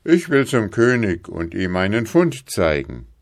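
A man's voice: fairly low pitch, sing-song, measured pace. A man voicing an honest, God-fearing farmer who speaks plainly.

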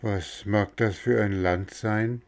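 A man voicing a tired, weak old father who talks slowly and wearily, in a storybook reading. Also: fairly low pitch, steady tone. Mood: weary. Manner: weary, hopeful.

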